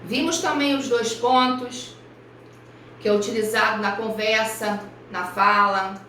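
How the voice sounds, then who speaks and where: A woman primary school teacher from Brazil giving a recorded review lesson for children, speaking slowly and carefully and spelling out each example. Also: on the high side, steady tone, sharp tone, a little hiss or hum. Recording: echoey room, voice far from mic.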